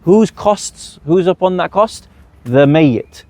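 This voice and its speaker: Brief: male workshop teacher, a touch higher pitched, patient, explains step by step and asks rhetorical questions. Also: lively intonation, slow, a little mellow, dry recording. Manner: asks the audience rhetorical questions, then answers them. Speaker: religious teacher leading a workshop.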